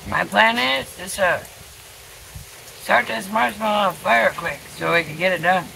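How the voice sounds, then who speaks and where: Gravelly-voiced woman vlogging outdoors. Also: mid-range voice, a little slow, pushed and bright, a little hiss or hum. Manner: chatty, laughs between remarks. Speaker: camping vlogger. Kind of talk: casual outdoor vlog. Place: backyard lawn by a tent, outdoors. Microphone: camera on a stand at a distance, later phone at arm's length.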